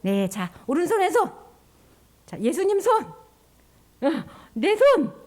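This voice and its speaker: A woman minister giving an animated children's sermon, sing-song and sometimes dropping to a whisper. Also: high voice, takes it slowly.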